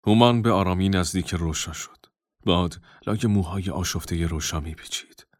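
A man narrating a storybook in a calm, measured reading. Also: low voice, no echo, studio quality.

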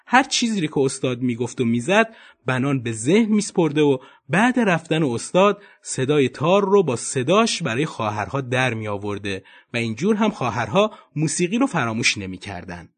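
A man narrating a documentary podcast episode in an expressive storytelling manner. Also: medium pitch.

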